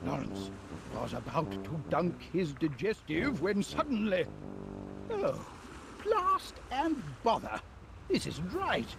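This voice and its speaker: A pompous old English army major for a video game. He blusters theatrically, breaking into yells, with a slow, swooping delivery and a gravelly edge. Music plays behind him. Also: high voice, wildly swooping pitch, noisy background, heavily acted. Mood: blustery, theatrical. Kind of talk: video game character acting.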